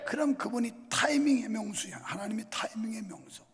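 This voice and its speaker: An older male pastor preaches with a high, gravelly, husky voice that mixes jokes with fervent calls to the congregation. His words ring out through a large church sanctuary with a long reverb trailing behind them. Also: expressive, normal speed, slight background noise. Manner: joking, then fervent exhorting. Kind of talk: sermon.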